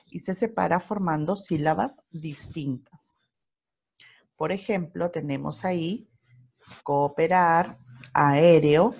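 A Peruvian woman teacher giving a recorded grammar lesson to primary school children. She speaks slowly and deliberately in a fairly low voice, pausing over each example word. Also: a little mellow, slightly rough. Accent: Peruvian Spanish. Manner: slow, careful explanation with spelled-out examples.

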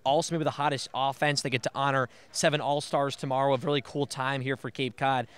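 A young man recapping a baseball game as an analyst, outdoors on a field with a handheld mic, running quickly through stats. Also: mid-range voice, little pitch movement, a bit bright, clear, resonant tone. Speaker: sports analyst. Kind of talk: postgame recap.

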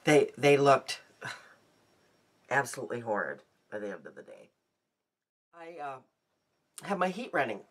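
In her daily vlog, a beauty vlogger in her fifties chats about makeup and her day, rambling with lots of ums. Her voice rumbles low yet is very animated, unhurried and full of pauses, with a congested sound. She records on a nearby webcam in a small room at home.

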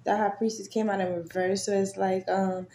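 A woman's voice: medium pitch, flat delivery, normal speed. A woman giving a casual tarot reading, chatty and swearing freely, with many fillers. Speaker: tarot reader. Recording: echoey room, faint noise.

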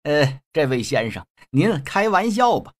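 A man's voice: on the high side, big pitch swings, a little slow. A man doing a stammering, fawning doctor. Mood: flustered. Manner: nervous, stammering, obsequious. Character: timid, fawning male apothecary doctor.

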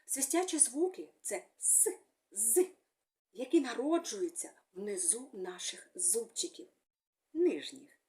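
A woman speech therapist giving a gentle, sing-song speech lesson to young children, using fond little words for them. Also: fairly high pitch, big pitch swings, takes it slowly.

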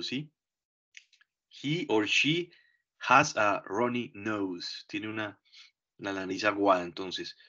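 A man teaching English grammar, explaining slowly and deliberately and checking in with short questions. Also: mid-range voice, a bit bright. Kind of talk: bilingual grammar lesson. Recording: dull lo-fi recording.

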